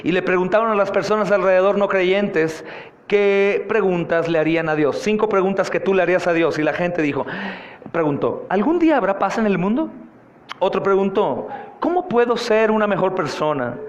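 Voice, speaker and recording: Man, pastor, sermon, high voice, repeated rhetorical questions. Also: lively intonation, normal speed, dull audio, a little hiss or hum. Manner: addresses congregation as brothers. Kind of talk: expository sermon.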